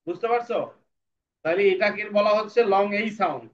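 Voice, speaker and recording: A man teaching an English phonics lesson, repeating sounds slowly and checking whether the students understand. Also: sits high. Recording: dull lo-fi sound, faint background noise.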